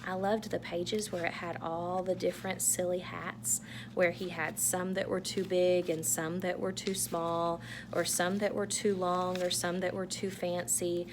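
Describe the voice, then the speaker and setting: In an unhurried, flat delivery and a fairly low pitch, a woman reads a picture book aloud for children. She still draws them in, adding casual asides and posing questions. There's clearly audible background noise.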